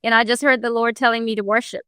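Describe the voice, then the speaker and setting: Bright, crisp-voiced woman guest. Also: a little high, fast talker, no room sound. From Ghana. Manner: earnest and animated, many fillers. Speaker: guest, real estate broker. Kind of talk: casual interview storytelling.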